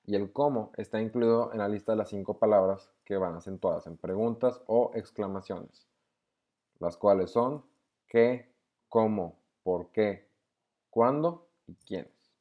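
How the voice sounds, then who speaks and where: Young guy explaining exercises at his computer, lowish voice, patient and steady. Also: measured pace, muffled recording. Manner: patient, step-by-step explaining, reads exercise sentences aloud. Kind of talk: screen-recorded lesson walkthrough.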